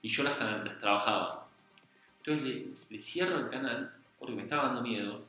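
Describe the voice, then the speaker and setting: A young male guest with an Argentine Spanish accent tells a personal story in an earnest, confiding, colloquial way. His mid-range voice has a sharp tone and normal speed, and the recording comes from a very echoey room with faint music.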